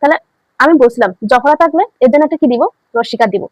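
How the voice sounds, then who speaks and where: Brief: female teacher, high voice, dry close sound, quizzes the class and answers herself. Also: fast, no room sound, low-quality recording. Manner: asks students questions then answers them herself; repeats key words for emphasis. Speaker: grammar teacher. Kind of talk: online classroom lesson.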